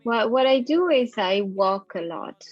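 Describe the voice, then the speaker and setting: A woman's voice: a little high, expressive, no echo. Middle-aged French-accented woman, reflective interview guest, dry lo-fi sound. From France. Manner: thoughtful, pauses with fillers. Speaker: photographer guest. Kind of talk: casual interview over a call.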